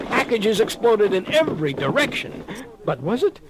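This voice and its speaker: A man with a high voice narrates a children's storybook record at a moderate pace, in a theatrical, dramatic and animated style. It's a 1980 vinyl read-along record with music, and the audio is very noisy.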